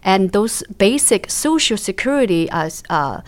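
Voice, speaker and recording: A woman's voice: medium pitch, expressive, a little slow. A woman interpreter giving an English translation voice-over for a Chinese speaker, hesitant, with frequent filler sounds. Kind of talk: consecutive interpretation.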